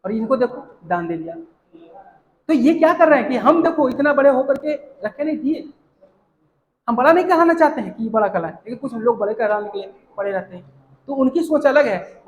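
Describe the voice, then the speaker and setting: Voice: medium pitch, slight background noise. Teacher with in roomy room. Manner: reads English lines slowly, checks understanding with "clear?"; explains with everyday examples, filler "है ना". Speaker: English teacher. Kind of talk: explaining a textbook lesson line by line. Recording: roomy echo.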